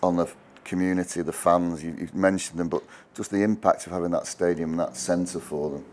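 Low-voiced male interviewer, faint hiss behind. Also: fairly even intonation, brisk, a little mellow. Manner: leading, conversational questioning. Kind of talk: interview questions.

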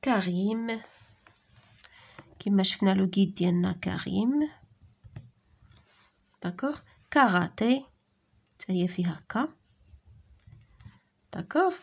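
A woman teacher with a Moroccan accent giving a French lesson to young pupils. She reads each phrase twice, slowly and clearly, then explains it in Darija. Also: mid-range voice, lively intonation. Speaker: primary school teacher.

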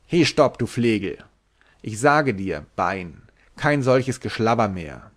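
A man's voice: fairly low pitch, sing-song, slow pace, fairly bright tone, exaggerated voice. A man voicing a short, drunken sailor who is brash, giggly and rambling.

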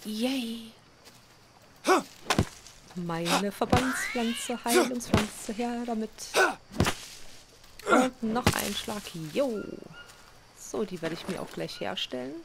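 On the high side and slow, her voice has vocal fry and frequent pauses as she casually comments on her own survival-game play and crafting. This gaming video host often jokes at her own expense, and there's heavy background noise.

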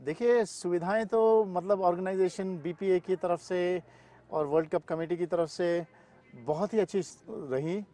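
His voice sits high and sounds mellow as this middle-aged man answers interview questions outdoors in an unhurried way, using English terms here and there. The guest is a paragliding pilot who is also the event weather expert. Recorded clearly on an open grassy mountain field, ambient outdoor noise can be heard.

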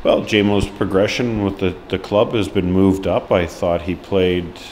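The recording is low quality, with a constant hum in the background of an indoor press room where a hockey head coach in his forties gives a post-match press interview before a sponsor board. He talks very low and in halting bursts, often restarting, filling gaps with ums and speaking plainly.

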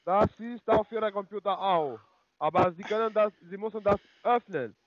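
A man's voice: sits high, normal speed, lo-fi sound, slight background noise. A man working as a call-center scammer, speaking broken German in a pushy, impatient way. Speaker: scam call-center agent. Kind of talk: phone call.

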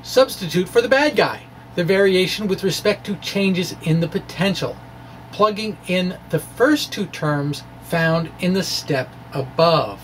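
In a small room with bookshelves, a forties-aged man with a high voice speaks a little slowly into a stand microphone placed close in front of him. He delivers a physics lecture in a playful, wry, dramatic style, alternating between reading a script and explaining casually. The recording is low quality, with faint steady background noise.

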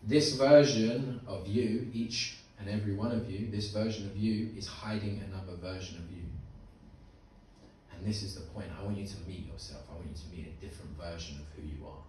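In a small indoor open mic venue, a nervous young man with a deep, steady, darkish voice speaks fairly quickly to the audience. His piece is rambling, informal and earnest, laced with swearing. The handheld mic is captured by a phone in the crowd, so the room sounds echoey and far off, with faint noise.

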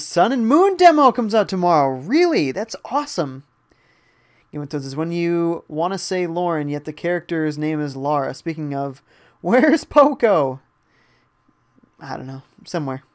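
Chatty male streamer reading chat. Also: fairly high pitch. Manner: chatty, reads viewer messages aloud and reacts to gameplay. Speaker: gaming streamer. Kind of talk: casual live-stream commentary reading chat.

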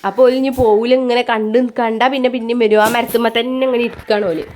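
A woman's voice: on the high side, fairly even intonation, fast talker, very noisy. A woman, chatting casually to her viewers in a family vlog. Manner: chatty, addresses viewers, ends remarks with soft tags. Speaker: family vlogger.

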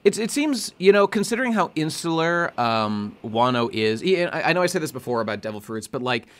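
A man's voice: medium pitch, big pitch swings, a little fast, a bit bright. A man co-hosting a podcast, talking in a loose, rambling casual chat with frequent laughs and casual swearing. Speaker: podcast co-host.

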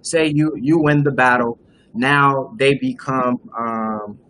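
A man's voice: medium pitch, fairly even intonation, takes it slowly, fairly bright tone. A young man hosting a casual discussion on a live video call, explaining at length with many fillers and restarts. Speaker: host. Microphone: webcam on a video call.

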